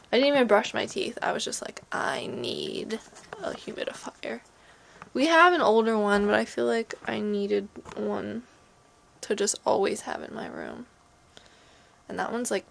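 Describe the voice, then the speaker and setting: Woman vlogger, under the weather: congested nose, sore throat, slightly high voice, unhurried casual delivery. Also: creaky, slight background noise. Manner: rambling, soft-hearted talk to pets and objects. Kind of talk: casual chat to camera, sick day vlog. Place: at home in a bedroom.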